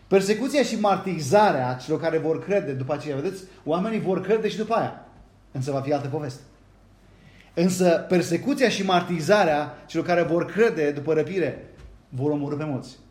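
High-voiced preacher in an echoey hall. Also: male voice, a little mellow. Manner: reads scripture aloud, asks the congregation rhetorical questions, often adds "da?". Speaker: pastor. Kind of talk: sermon. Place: church hall.

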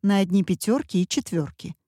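Tired curt mother, woman reading her, dark mellow voice. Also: mid-range voice, brisk, slightly rough, dry recording, clean studio sound. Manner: short, flat replies. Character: curt weary mother of a boy.

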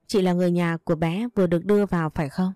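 A woman voicing a brisk hospital nurse. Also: lowish voice, steady tone, mellow, dry recording, clean studio sound, lightly acted. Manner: brisk and matter-of-fact.

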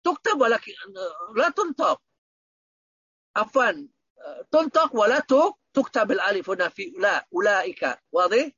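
A man's voice: high-pitched, lively intonation, moderate pace, pushed and bright, breathy edge, dry recording, highs cut off. A man teaching Arabic grammar online, patiently repeating points and quizzing his students.

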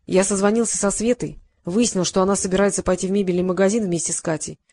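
A man's voice: sits high, fairly even intonation, fast talker, a little mellow, dry recording. A woman reading as a guilt-ridden male psychotherapist. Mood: confessing. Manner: defensive, mumbling confession.

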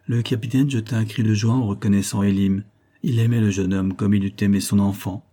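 A man reads a classic novel aloud in audiobook narration, with an even, storytelling flow. His voice is dark and mellow, with a husky grain, at a middle pitch. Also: brisk.

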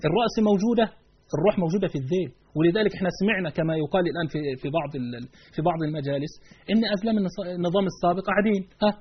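Egyptian male preacher, husky and quick, emphatic lecture style, dull lo-fi recording. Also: sits high. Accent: Egyptian Arabic. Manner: emphatic, poses rhetorical questions to the audience. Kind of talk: religious lesson.

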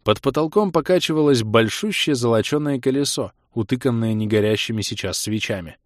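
A man's voice: medium pitch, lively intonation, fairly quick, no room sound. A man narrating a fantasy audiobook in a tense, dramatic manner, close to the mic. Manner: tense, dramatic, hushed in suspense.

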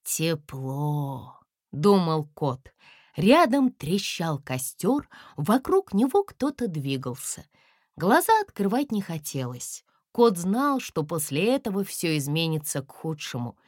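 A woman reading a children's fairy tale aloud in a slow, expressive, gently dramatic way. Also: lowish voice, no room sound, studio quality. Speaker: narrator. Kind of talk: audiobook narration of a fairy tale.

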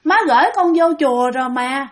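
A woman's voice: sits high, brisk, natural voice. A woman playing a grieving, anxious mother who speaks tearfully.

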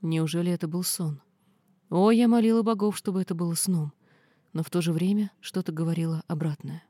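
Ровное чтение книги от первого лица, женский тёмный тембр. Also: female voice, lowish voice, a little fast, mellow, no echo, studio quality. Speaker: audiobook reader. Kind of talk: first-person fantasy audiobook narration.

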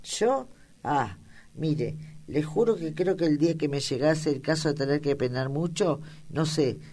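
A woman's voice: low voice, lively intonation, a little slow, warm tone. A woman reading an audiobook, voicing an earnest, affectionate young country girl with rustic speech.

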